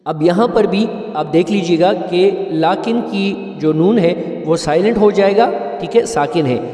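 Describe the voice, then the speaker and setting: A man teaching a recitation lesson, explaining briskly and then chanting each example slowly and melodically. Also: high-pitched, warm tone. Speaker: Quran teacher. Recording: echoey hall, distant mic, faint music.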